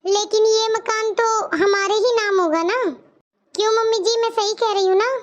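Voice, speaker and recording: A sly young daughter-in-law from a cartoon story, voiced by a woman, putting on an innocent air as she tattles. Her voice sits very high. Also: steady tone, normal speed, muffled recording.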